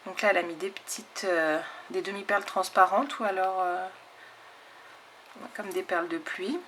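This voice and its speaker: A woman's voice: mid-range voice, normal speed, fairly bright tone, slight background noise. A woman, eagerly showing scrapbooking crafts in a casual chat with her viewers. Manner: enthusiastic, chatty, lots of fillers and "hop". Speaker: scrapbooking channel host. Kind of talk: casual show-and-tell of craft mail.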